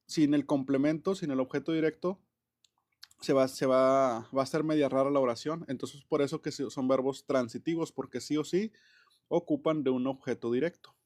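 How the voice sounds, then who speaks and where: Teaching English grammar casually in class, a man speaks at a moderate pace in a mid-range, slightly mellow voice. His chatty explanation is full of fillers and restarts, and he laughs a lot.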